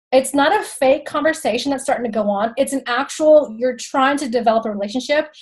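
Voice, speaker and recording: A chatty Texan woman in her thirties gives sales tips with laughing asides and calls her viewers y'all. Her voice sits high. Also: poor audio. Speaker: direct-sales consultant and host. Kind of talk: casual how-to talk.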